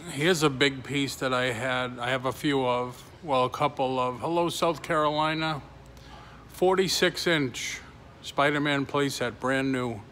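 Speaking with a mid-range, fairly bright voice, a middle-aged man who resells toys chats on a live vlog, pausing haltingly to read and reply to comments. He's inside a large antique mall booth with concrete floors, filming on a handheld phone held at arm's length or nearer, with ambient noise clearly audible.

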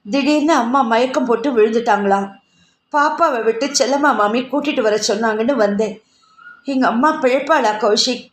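A woman's voice: fairly high pitch, moderate pace, lightly acted. A woman voicing a frightened young woman who pleads and sobs, read in a roomy space. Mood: tearful. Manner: pleading, sobbing.

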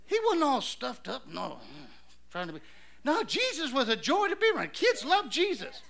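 A pastor delivers an exclamatory, story-driven sermon in a church sanctuary. His voice sits high for a man and rings bright and forceful. He keeps calling out "amen" to the congregation. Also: huge pitch swings, normal speed, vocal fry. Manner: storytelling, exclamatory, calls for amens.

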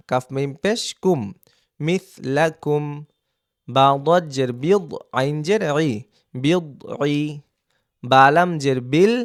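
A man gives a reading lesson on Arabic letters, sounding out each syllable and repeating it several times. His voice sits a little high and he speaks very slowly, pausing to check that his students are following. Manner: slow, drilling syllables one by one, asking "ঠিক আছে?". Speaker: Quran reading teacher. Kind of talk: online recitation lesson.

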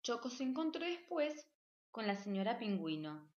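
A woman narrating a children's picture book in a clear, expressive storytelling manner. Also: a little high, normal speed, reverberant, lo-fi sound. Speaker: audiobook narrator.

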